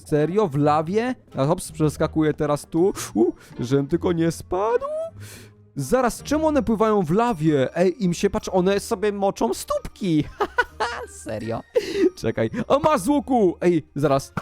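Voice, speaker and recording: Young guy doing excited game commentary for kids, high voice that bounces all over, faint game music behind. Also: measured pace. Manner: excitable, playful, talks to young viewers. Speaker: gaming channel host. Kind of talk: Minecraft let's play commentary.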